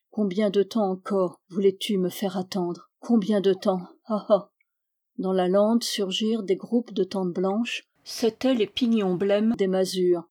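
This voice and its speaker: A woman reading a literary novel aloud as an audiobook, calm and measured, voicing the dialogue softly. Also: mid-range voice. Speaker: audiobook reader.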